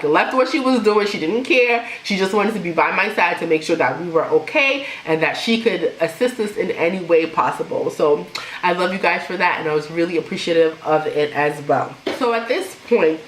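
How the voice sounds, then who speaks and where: A young woman vlogger telling a personal story in a casual, animated way, laughing now and then. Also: lowish voice. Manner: animated, laughs while telling, imitates others. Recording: echoey room with faint noise.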